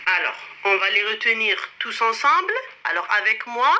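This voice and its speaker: A woman teaching French to young children in a slow, drawn-out way, counting strokes aloud and having the class repeat after her. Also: fairly high pitch, animated, bright, forceful tone. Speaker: primary school French teacher. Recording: dull lo-fi recording with clear background noise.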